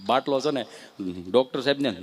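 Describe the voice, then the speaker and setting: A male stand-up comedian, telling jokes in an animated way and putting rhetorical questions to the crowd. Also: mid-range voice, fairly quick.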